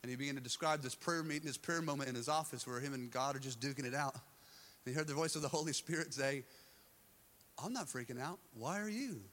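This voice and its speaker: A man preaching a live church sermon as pastor, animated and joking, swinging between loud acted-out dialogue and quiet intensity. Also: medium pitch. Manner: drops to quiet, slow, intense delivery; jokes with the congregation. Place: church service.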